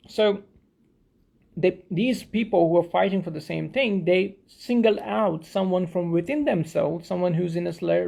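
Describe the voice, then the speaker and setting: A man's voice: a little high, gravelly, darkish tone. A man from Pakistan explaining a theory in a thoughtful talk, often restarting and repeating words as he searches for phrasing. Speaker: video essayist.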